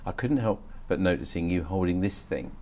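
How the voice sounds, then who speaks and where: A man's voice: low-pitched, animated, moderate pace, a little mellow, slight background noise. A man hosting a live interview in a studio, introducing and prompting his guest. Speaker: livestream interviewer. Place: livestream studio.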